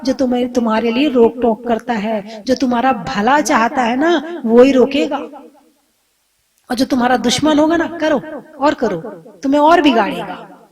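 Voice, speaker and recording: High-voiced woman preaching conversationally. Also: a little mellow. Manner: conversational, asks the audience questions; acts out scolding family members. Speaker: Jain nun giving a discourse. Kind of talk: sermon.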